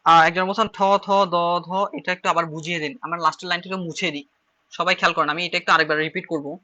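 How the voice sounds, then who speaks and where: High, bright-voiced Chittagong Bengali teacher. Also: male voice, steady tone, very fast. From Bangladesh. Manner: repetitive, drilling, step-by-step explaining. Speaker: shorthand teacher. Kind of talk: online class instruction.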